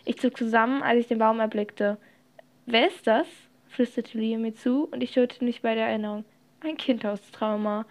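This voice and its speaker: A woman narrating a storybook chapter aloud, reading lively with occasional slips and restarts. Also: fairly high pitch, a little fast. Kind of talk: audiobook reading.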